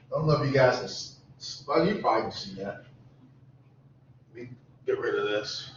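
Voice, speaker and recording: Man, college instructor, tired, repeats definitions slowly, echoey classroom, muffled recording. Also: medium pitch, lively intonation, slight background noise. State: tired, sleepy. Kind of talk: classroom lecture. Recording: echoey classroom, dull lo-fi sound.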